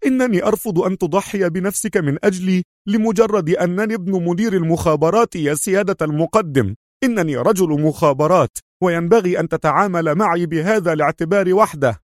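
A man performs a young male intelligence officer in a spy audiobook, his voice pitched high above the narrator's, frantic and stubborn, bursting out in pleas and protests. The recording is dry and close. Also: fast, no echo, lightly acted. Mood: agitated, pleading. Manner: excited, pleading outbursts.

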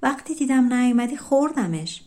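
A woman voicing a gentle young sister in a folk tale. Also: sits high, expressive, voice pushed up. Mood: apologetic.

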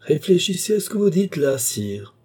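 A man voicing a proud, sharp-tongued woman, a royal favourite, who speaks in a haughty, mocking way. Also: a little high, very animated, moderate pace, husky, voice pushed up. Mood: defiant.

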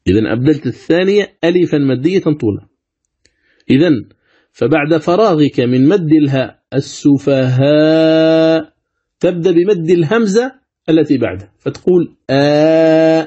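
Guy teaching quran recitation, kinda high but mellow voice, slow chanted examples, muffled lo-fi audio. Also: expressive, slightly rough. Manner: explains step by step, then chants examples with long drawn-out vowels. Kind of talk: recitation lesson. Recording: dull lo-fi recording.

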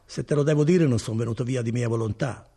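A man's voice: mid-range voice, fast, mellow, breathy edge. A man voicing earnest young Renzo. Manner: earnest and moved. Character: Renzo, young man telling his sad story.

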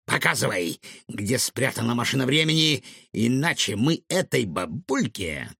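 A man's voice: mid-range voice, big pitch swings, a little slow, gravelly, sharp tone, breathy edge, dry recording, studio quality, exaggerated voice. A man voicing a menacing male mad-scientist villain who gloats and barks threats in a storybook reading. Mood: demanding.

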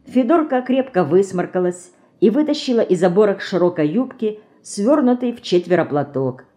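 A woman narrating an audiobook in a calm, measured storytelling voice. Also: mid-range voice. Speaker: audiobook reader.

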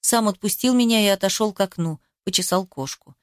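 A woman giving a steady, expressive first-person narration of an audiobook. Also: mid-range voice, fairly quick, dry recording, clean studio sound.

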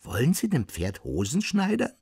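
A timid insurance agent asks politely and hesitantly, his voice pitched up, as a man reads him. The tone stays husky. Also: wildly swooping pitch, normal speed, a little mellow, no echo, clean studio sound, heavily acted.

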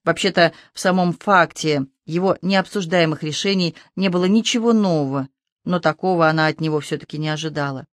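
Measured audiobook narrator, dry sound. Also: medium pitch, dry recording. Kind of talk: scripted literary narration.

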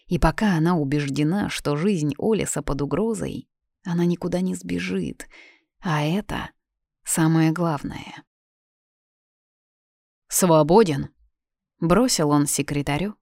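Low, gravelly woman reading a story. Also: darkish tone, no room sound, clean studio sound. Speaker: audiobook reader. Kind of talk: scripted narration.

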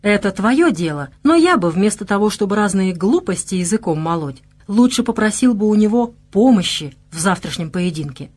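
A woman's voice: mid-range voice, darkish tone, close to an everyday voice. A woman voicing an old male bear who leads a band of Cossacks in an audiobook, speaking in a grave, instructive way.

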